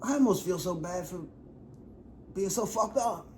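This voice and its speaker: A man co-hosting a podcast, chatting casually and telling stories in a rambling, profane, fast way. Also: high voice, expressive, slight background noise. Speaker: podcast co-host. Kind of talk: casual chat.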